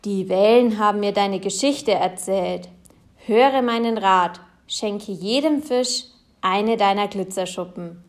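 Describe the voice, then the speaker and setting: A woman voicing a wise old octopus in a deep, solemn voice. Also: slow, natural voice.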